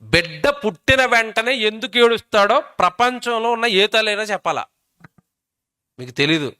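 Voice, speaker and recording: A man preaches a sermon, firing emphatic questions at his listeners. His voice is high-pitched and bright. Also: expressive, normal speed, clean tone. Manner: emphatic, keeps quizzing the audience.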